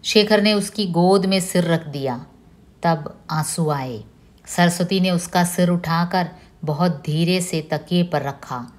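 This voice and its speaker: A woman lecturer reads a novel aloud to her class in a slow, deliberate way. Her voice sits somewhat low. Her delivery is steady and careful. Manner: measured, deliberate reading.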